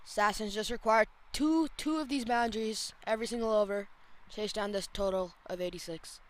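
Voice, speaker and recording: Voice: medium pitch, fairly quick. A co-commentator adding remarks and player facts during live cricket commentary.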